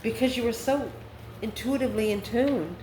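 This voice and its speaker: This channel host is a tarot reader whose fairly high voice moves at a moderate pace. She improvises a reading for her viewers, thinking aloud in short, conversational phrases. The recording has a roomy echo and faint background noise.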